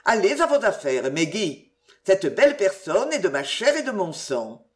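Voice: medium pitch, sing-song, normal speed, close to an everyday voice. A reader voicing a crafty, pompous old Scottish inn waiter who preaches with mock virtue.

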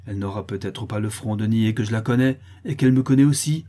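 A man's voice: mid-range voice, lively intonation, normal speed, mellow, slightly rough. A man voicing a harsh peasant widow who sells milk, in an accusing, insistent manner, for a storybook reading.

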